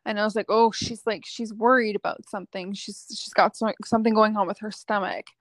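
A young adult woman, a psychic medium guest, chatting casually and acting out the dialogue in her stories with lively energy. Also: mid-range voice, a little fast, no room sound. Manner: lively, acts out quoted dialogue. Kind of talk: casual storytelling chat.

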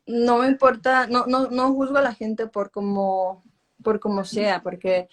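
Speaking at a measured pace with little pitch movement, this woman's voice sits on the high side. She's an urban music singer in her twenties, interviewed casually and talking in Spanglish with English fillers dropped into her Spanish.

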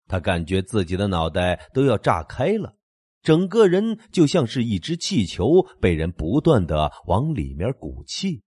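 A man's voice: fairly low pitch, darkish tone, slightly rough, dry recording, studio quality. A man narrating a horror story with dramatic, swinging intonation.

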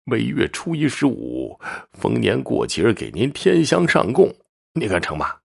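A man voicing a cautious elder brother who speaks softly and humbly. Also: rumbling low, lively intonation, normal speed, creaky, pitched below the performer's own voice, heavily acted. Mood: placating. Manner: soft, placating.

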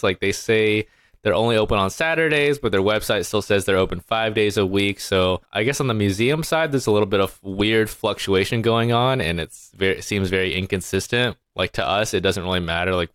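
Easygoing New man, podcast co-host, low voice, close and dry. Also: fairly bright tone, smooth, no echo. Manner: easygoing, filler-heavy, hesitant. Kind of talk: casual chat.

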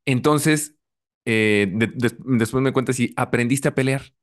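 A man with a Mexican accent hosting a casual chat, reflecting back what his guest said with halting restarts. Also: mid-range voice. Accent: Mexican Spanish. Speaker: host.

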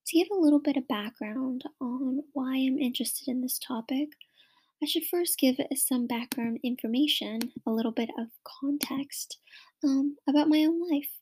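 A woman's voice: sits high, moderate pace, darkish tone, breathy edge. A young woman from Washington State hosting a solo podcast in a chatty, upbeat way, with frequent whispery asides. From Washington State, USA. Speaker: podcast host.

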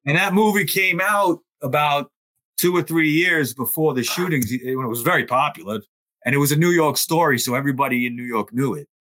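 A man hosting a podcast, reading a letter aloud slowly and then asking his co-hosts questions. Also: fairly high pitch, fairly bright tone. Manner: reads quotes aloud slowly, then asks the group questions. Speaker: podcast host. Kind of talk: casual podcast discussion.

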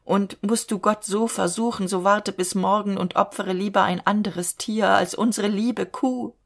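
A woman's voice: mid-range voice, fairly even intonation, measured pace, natural voice. A woman voicing a desperate young male fisherman who begs his friend in anguish. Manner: anguished, imploring.

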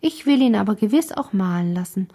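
Woman reading spoiled young noblewoman, imperious, teasing, mellow voice, audiobook. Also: animated, fairly quick, husky. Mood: capricious. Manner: bossy, wheedling, high-spirited.

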